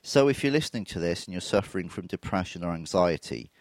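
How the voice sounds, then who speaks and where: This solo podcast host, a man in his forties, speaks fast with lively intonation in a low-sitting voice and no echo. A slight flu makes him throaty, and his manner is reflective, candid and self-deprecating.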